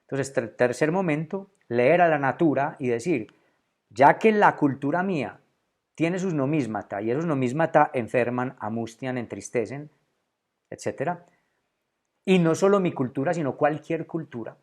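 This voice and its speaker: Here a slightly high, expressive voice, probably a man's, speaks at normal speed in a solo philosophy talk to camera. He reasons out loud, with frequent restarts and repeated words whenever he searches for a term.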